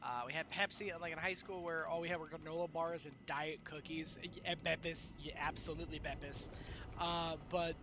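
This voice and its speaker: A man's voice: fairly high pitch, normal speed, noisy background. A man hosting a livestream, chatting casually and animatedly with his viewers. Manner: animated, exclaiming when greeting viewers. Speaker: streamer host.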